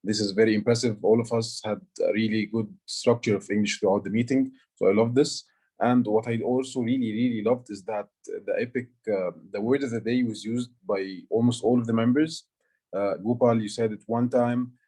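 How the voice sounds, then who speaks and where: Serving as aha counter and grammarian, a non-native English speaker from Egypt reports on a club meeting during a video call. He talks fairly quickly in a fairly low, dark voice with a breathy edge and fairly even intonation. Fillers and restarts pepper his report.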